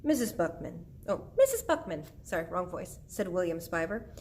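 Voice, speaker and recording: A woman's voice: on the low side, huge pitch swings, normal speed, darkish tone, slight background noise. A woman reading the part of an earnest, know-it-all boy in a storybook, with lofty, lecturing delivery.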